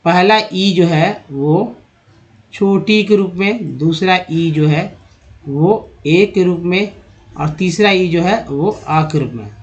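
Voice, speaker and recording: A man giving a spoken lesson on English spelling and pronunciation, who keeps asking rhetorical questions and answering them, and who repeats the sounds slowly. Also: sits high. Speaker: English teacher. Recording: dull lo-fi recording.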